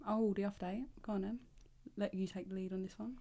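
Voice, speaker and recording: A woman co-host chatting casually, gossipy and quick to quote others. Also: medium pitch, fairly even intonation, creaky, mellow. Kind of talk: casual chat.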